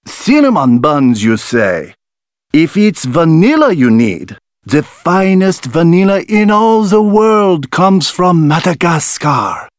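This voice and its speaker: A man's voice: fairly high pitch, big pitch swings, slow, no echo, voice pushed up. A man plays a grand French farmer who twirls his mustache, his voice lifted and stretched out. He lingers over every proud boast. The sound is dry and close. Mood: grand, boastful.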